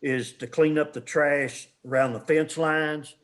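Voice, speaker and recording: Halting Kentucky homeowner man. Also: fairly high pitch, steady tone, slight background noise. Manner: halting, many restarts. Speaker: homeowner applicant. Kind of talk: public meeting discussion.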